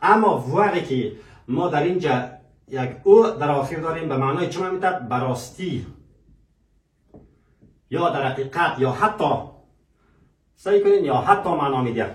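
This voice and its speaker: Man, French teacher, slow example phrases, rhetorical questions, echoey, distant mic. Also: on the high side, lively intonation. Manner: asks rhetorical questions and answers them himself. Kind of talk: French lesson.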